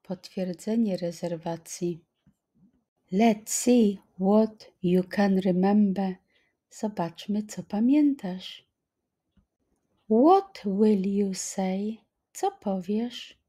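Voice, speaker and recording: A woman teaching vocabulary in a slow flashcard-style lesson, saying each phrase twice with deliberate care. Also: medium pitch, expressive, dark tone. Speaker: language teacher.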